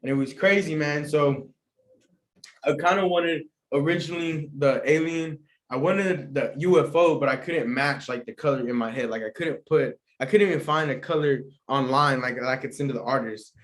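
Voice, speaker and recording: A man's voice: on the high side, normal speed. A young man hosting a solo show, chatting casually as he answers questions, rambling and slangy with lots of asides. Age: young adult. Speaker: podcast host.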